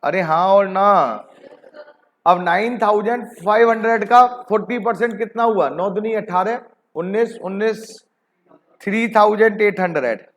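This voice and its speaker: A man's voice: high voice, a little slow, fairly bright tone. A man teaching an online accounting class, coaxing his students with repeated questions and calling them "beta ji". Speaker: commerce teacher.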